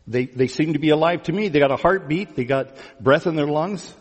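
Faint music plays behind a fairly high, husky male voice moving at a fairly quick clip. He preaches as a pastor in a conversational sermon, teasingly questioning the congregation and echoing phrases back, inside a large, reverberant church room.

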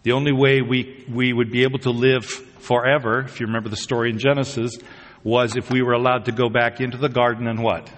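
A man's voice: mid-range voice, flat delivery, fairly quick, long reverb tail. A man preaching a sermon, talking conversationally and rising to emphatic peaks. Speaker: pastor.

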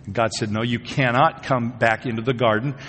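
A man's voice: medium pitch, fairly even intonation, brisk, a bit bright, long reverb tail, a little hiss or hum. A man preaching a sermon, talking conversationally and rising to emphatic peaks. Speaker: pastor.

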